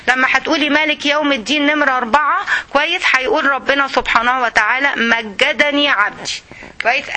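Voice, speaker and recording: Egyptian woman teaching religion, high bright voice, brisk, slows to recite verses. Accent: Egyptian Arabic. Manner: explains, asks "okay?" often. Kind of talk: religious lesson to women.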